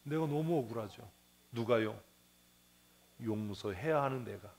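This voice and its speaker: A male pastor speaks a little slowly in a mid-range, darkish-toned voice. During his sermon in the church sanctuary, he tells a parable conversationally, voices its characters and addresses questions to the congregation.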